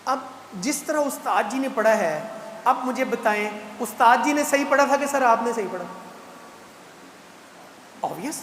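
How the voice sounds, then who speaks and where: Man, mosque speaker, animated rhetorical style, echoey hall, faint background noise. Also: extremely high pitch, long pauses. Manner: animated, teasing rhetorical questions to the crowd. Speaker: guest speaker at a Quran completion gathering. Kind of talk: mosque talk.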